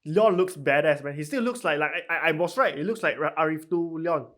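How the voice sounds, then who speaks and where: A man hosting a reaction video, commenting excitedly and bursting into exclamations of hype. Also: fairly high pitch, fast talker. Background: presentation audio and music playing.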